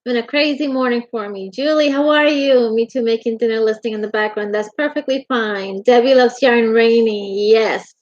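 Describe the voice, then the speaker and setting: A middle-aged woman hosts a casual livestream from her home craft room, her voice sitting a little high. She greets each viewer warmly and calls them honey. The audio is dull and lo-fi, like a home stream. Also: fairly even intonation, normal speed, few pauses. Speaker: livestream host.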